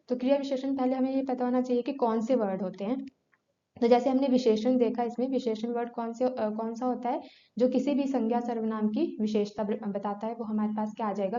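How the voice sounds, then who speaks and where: Woman teacher going over grammar questions, slightly high voice, roomy dull recording. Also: dark tone. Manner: explanatory, rhetorical questions answered herself. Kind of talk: exam-prep grammar lesson. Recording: echoey room, dull lo-fi sound.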